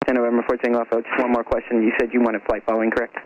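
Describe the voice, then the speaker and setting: A man rattles off clipped ground-control instructions at a quick pace. His voice comes through a dull, band-limited aviation radio. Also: mid-range voice, monotone. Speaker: air traffic ground controller.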